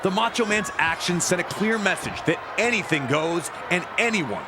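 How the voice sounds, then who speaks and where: Over loud arena noise, a roaring wrestling crowd, and ring slams, a male commentator narrates matches like a dramatic sports documentary. His high voice has lively intonation at a normal pace, delivered with suspenseful emphasis.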